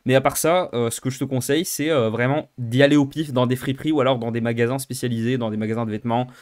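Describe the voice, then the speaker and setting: A man's voice: mid-range voice, fairly even intonation, fast talker, darkish tone. A young man rambling through viewer questions in a casual, self-mocking monologue, full of fillers and restarts. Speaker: YouTuber answering viewer questions.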